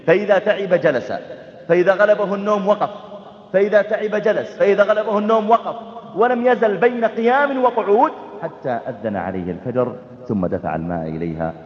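A man preaching a sermon, telling stories and acting out the dialogue. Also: a little high. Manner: animated, acts out the dialogue. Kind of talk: sermon storytelling. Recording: dull echoey hall.

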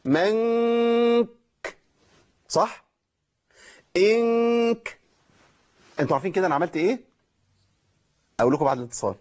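A man's voice: on the high side, lively intonation, very fast, long pauses, husky, lo-fi sound. A man with an Egyptian accent hosting a call-in lesson on Quran recitation, explaining step by step and checking in with listeners. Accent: Egyptian Arabic. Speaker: Quran recitation teacher and host.

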